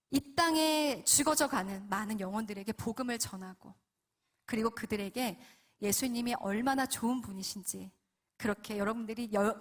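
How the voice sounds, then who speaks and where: A woman in her forties giving an earnest testimony sermon at a prayer meeting, often asking the audience questions. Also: a little high. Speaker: guest speaker at a prayer meeting.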